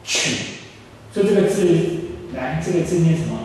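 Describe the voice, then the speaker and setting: A Taiwanese-accented man in his forties runs a lecture, constantly quizzing the class and answering himself. His voice sits a bit high and sounds distant, with long reverb from a large room and faint hiss behind. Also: animated, normal speed. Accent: Taiwanese Mandarin. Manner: quizzing, repetitive, explanatory. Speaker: English teacher. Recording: echoey hall recording from far off.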